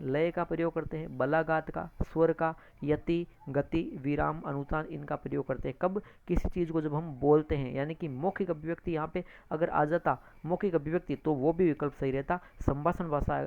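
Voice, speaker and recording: A teacher with a gravelly, creaky voice works through exam answers one by one. The teacher repeats each point, calls listeners friends and checks in with tag questions. The recording sounds dull and lo-fi. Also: medium pitch, a little hiss or hum. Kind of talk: exam-prep lecture, explaining answers.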